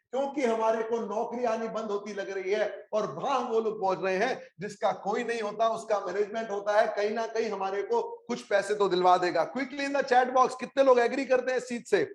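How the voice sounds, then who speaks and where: Man, Indian English accent, fairly high voice, energetic online coaching teacher, mixes Hindi and English, pushes students to answer in chat. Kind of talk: live online class.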